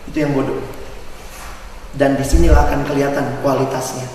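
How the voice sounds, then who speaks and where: A man's voice: mid-range voice, little pitch movement, fairly quick, a little mellow, a little hiss or hum. A man giving a sermon to students, telling stories and acting out the dialogue with humor. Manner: storytelling, acts out dialogue, humorous. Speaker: campus ministry speaker. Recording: echoey hall, from far off.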